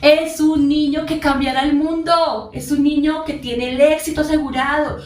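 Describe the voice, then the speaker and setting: A woman parenting coach talks earnestly, directly addressing moms and dads in a podcast. Her voice sits a bit high. It is heard from some distance in a roomy, echoing space. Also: steady tone, moderate pace. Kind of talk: parenting advice podcast monologue. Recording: echoey room, distant mic.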